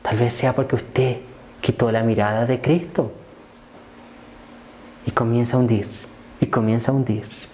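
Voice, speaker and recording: A man preaching a sermon as pastor, repeating phrases and asking rhetorical questions, dropping low then rising to emphatic points. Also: level tone, measured pace, long pauses, a little hiss or hum. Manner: swings between hushed low lines and raised emphatic ones.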